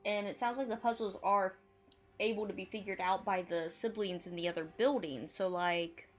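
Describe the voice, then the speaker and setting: A woman streaming a game, chatting casually with wry, quick asides and reading lines aloud. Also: medium pitch, steady tone.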